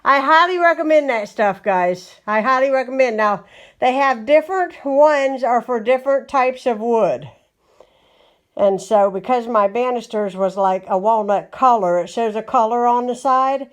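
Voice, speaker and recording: A woman from West Virginia, a home vlogger, talks at normal speed in a slightly high voice. Indoors at home and a bit out of breath, she casually shows off her wood-care project and recommends the product.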